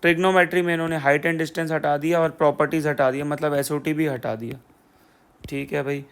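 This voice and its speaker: A man's voice: fairly high pitch, fairly even intonation, a little fast, smooth. A young man explaining exam syllabus changes in a casual, sarcastic way, repeating the same phrases over and over. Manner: sarcastic, repeats "theek hai bhai" and "poora poora". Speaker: exam prep educator.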